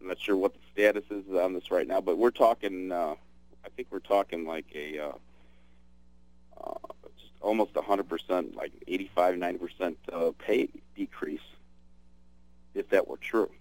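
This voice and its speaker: A man's voice: deep voice, normal speed, long pauses, darkish tone, no echo, low-quality recording. A man hosting a radio talk show, chatting casually about politics with many fillers and restarts.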